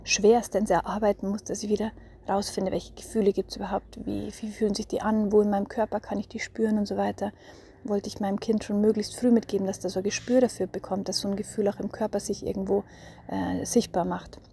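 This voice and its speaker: A mother in her thirties talking through her parenting experience in a thoughtful way, often pausing to find her words. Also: medium pitch, flat delivery, vocal fry, dark tone, slight background noise. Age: 30s. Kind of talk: casual spoken monologue.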